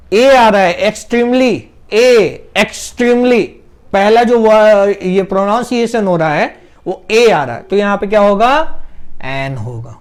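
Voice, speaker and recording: A man teaching an English grammar lesson step by step, asking questions and answering them himself. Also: high-pitched. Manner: explains step by step, asks and answers his own questions; drags out vowel sounds when demonstrating pronunciation. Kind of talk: classroom-style grammar lesson.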